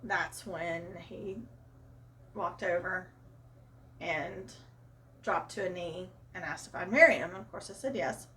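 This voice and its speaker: A woman's voice: fairly low pitch, a little slow, long pauses, sharp tone, a little hiss or hum. A woman from Arkansas with a Southern accent, chattily retelling a personal story for her channel. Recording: voice a bit far from mic.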